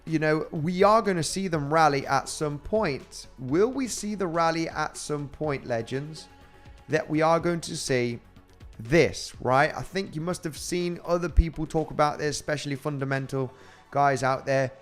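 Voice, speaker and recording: Over soft background music, a crypto trading host from Spain rambles through viewer comments on his livestream, chatty and full of fillers and laughs. His voice, with its Spanish accent, is fairly high, and he talks at a normal speed.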